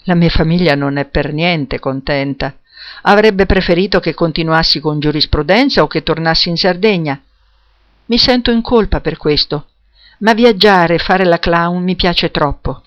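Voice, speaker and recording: Storybook casting: reader doing a young female clown, soft and wistful, dry sound. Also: medium pitch, moderate pace, no echo, dull audio, close to an everyday voice. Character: young woman street clown, hopeful but unsure.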